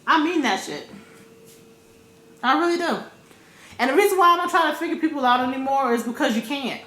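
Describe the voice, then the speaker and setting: A woman's voice: sits high, expressive, a little fast, a bit bright, echoey room. A woman vlogging her opinions in a blunt, profane way, repeating her points for emphasis. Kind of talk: casual opinion rant.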